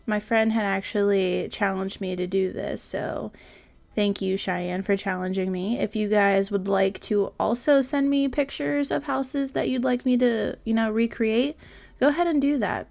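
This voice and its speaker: A woman's voice: mid-range voice, creaky, a little mellow. A tired woman giving casual, rambling voice-over commentary on her building game, full of fillers and trailing asides. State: tired, yawning.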